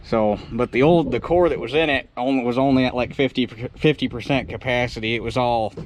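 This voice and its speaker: A man's voice: mid-range voice, brisk. Folksy rural American man, noisy recording. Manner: folksy, salty-tongued. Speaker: mechanic presenting his own repair. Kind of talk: casual hands-on repair commentary.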